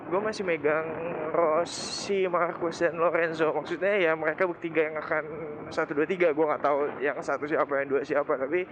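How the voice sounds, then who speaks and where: A man's voice: fairly high pitch, fairly even intonation, normal speed. A young man with a Jakarta Indonesian accent and a lisped r he cannot roll, rambling casually and slangily to viewers as a motovlogger. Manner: chatty, slangy. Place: riding a motorbike outdoors. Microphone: cut-off earphone mic inside helmet. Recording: muffled earphone mic, loud vehicle and wind noise.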